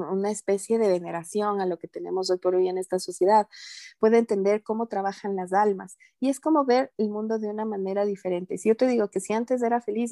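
A woman guest on a podcast, talking in a calm, earnest and gently reassuring way about spiritual matters. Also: mid-range voice, no echo. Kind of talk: casual interview talk.

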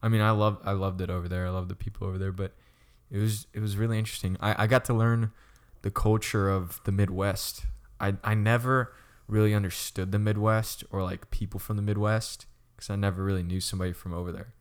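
A man's voice: fairly low pitch, little pitch movement, fairly quick, few pauses, clear, resonant tone. A young man co-hosting a casual chat, rambling with lots of stammered restarts and frequent laughter. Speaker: podcast co-host.

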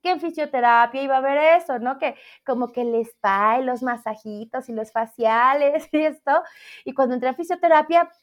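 A woman, a math teacher, chatting in an interview about her career path in a lively, self-deprecating way. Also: sits high, moderate pace. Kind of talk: casual interview chat. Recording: slightly dull lo-fi audio.

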